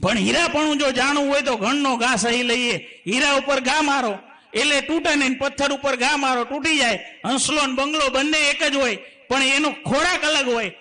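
A man's voice: very high-pitched, normal speed, bright, forceful tone. A man giving a devotional sermon at a spiritual gathering, telling folk parables and quoting verses of saint poets in an earnest, exhorting tone. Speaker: spiritual speaker at a satsang.

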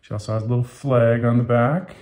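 Here the pace is a little fast, and the medium-pitched voice is slightly mellow with fairly even intonation. The speaker, a man in his fifties who writes and illustrates picture books, reads aloud and leads a drawing tutorial for children in casual, simple language, adding encouragement for young viewers.

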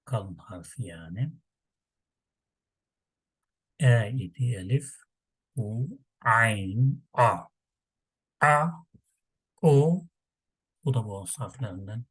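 A man teaching a Quran reading lesson, slowly sounding out letters and syllables in patient repetition. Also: fairly low pitch, fairly bright tone, breathy edge, no echo.

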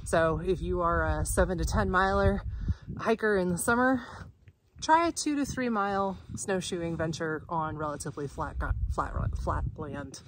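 A woman's voice: fairly low pitch, animated, moderate pace, slight background noise. A young woman giving practical, friendly advice on a snowy outdoor trail. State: a little out of breath from hiking. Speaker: outdoor vlogger. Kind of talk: casual outdoor explainer. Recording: music playing underneath.

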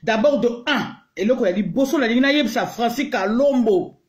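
On his casual live stream, a Congolese host repeatedly and heatedly greets viewers individually, mixing Lingala and French. He talks fairly quickly in a very high, expressive voice.

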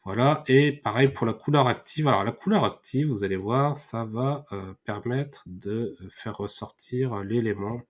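A man's voice: medium pitch, moderate pace, few pauses. A man hosting a screen-recorded tutorial, thinking aloud with many fillers and restarts. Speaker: tutorial host. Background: mouse clicks and typing.

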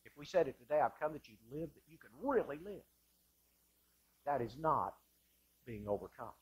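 A male pastor delivering an impassioned sermon in a church sanctuary, moving between loud bursts and hushed lines. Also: a little high, big pitch swings, normal speed.

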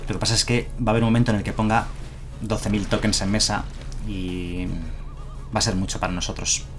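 A man in his thirties from Madrid, Spain, speaks with a Madrid Spanish accent in a fairly low, flat voice at a fairly quick clip, with faint music behind him. He's streaming a card game from his home streaming room on a headset mic, casually thinking aloud and chuckling at himself as he gives live gameplay commentary.

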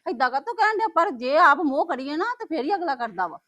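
A woman's voice: high voice, very animated, fast, bright, forceful tone. A woman playing a married daughter, talking in a pleading and reproachful way in a family web drama. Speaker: married daughter visiting her mother.

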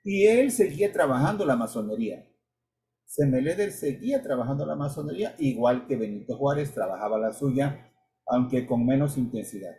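A man giving a narrated slideshow lecture, measured and explanatory, with pauses and restarts. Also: mid-range voice, lively intonation, warm tone. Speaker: history author and lecturer. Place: indoor room, webcam inset.

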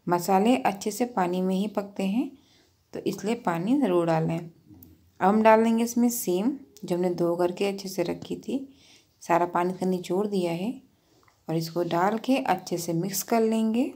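A woman's voice: mid-range voice, normal speed, mellow, slightly rough. A woman hosting a cooking channel, patiently talking through each step of a recipe in a voice-over with practical tips.

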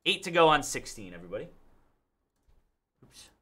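A man's voice: medium pitch, very animated, normal speed, pushed and bright. A man in his thirties hosting a live card break in a studio, reading out cards and thanking buyers by name.

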